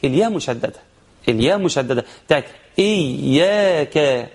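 A man with an Egyptian accent teaching Quran recitation rules, explaining quickly and then chanting verses slowly. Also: fairly high pitch, darkish tone. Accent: Egyptian Arabic. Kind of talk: tajweed lesson with chanted examples.

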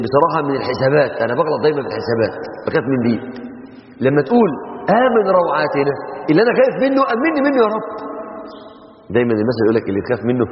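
A man with an Egyptian Arabic accent preaching a sermon, animated and emphatic, drawing out his recitations of scripture. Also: on the high side. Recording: echoey hall, dull lo-fi sound.

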